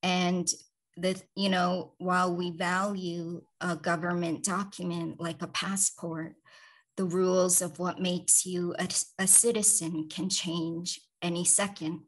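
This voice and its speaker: A woman in her forties talks slowly and evenly over a video call, with a low-set, flat voice. She speaks in calm, measured short phrases, with pauses between them. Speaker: author guest. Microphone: video call, computer mic.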